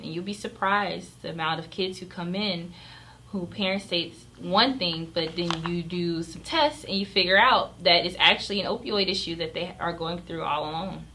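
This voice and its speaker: A woman who is a pediatric emergency doctor, giving measured, earnest answers in an interview. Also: fairly low pitch, sharp tone, slight background noise, low-quality recording.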